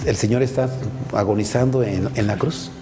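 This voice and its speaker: Deep-voiced priest in a reverberant hall. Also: male voice. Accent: Mexican Spanish. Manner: reflective, with frequent "¿verdad?" and halting repetitions. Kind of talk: explanatory religious teaching. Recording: hall reverb with faint music behind.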